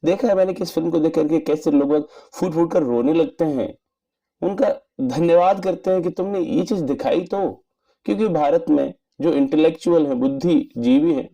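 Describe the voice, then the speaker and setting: A man giving an earnest, measured spoken movie review in formal wording. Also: a little high, gravelly, warm tone. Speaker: film reviewer.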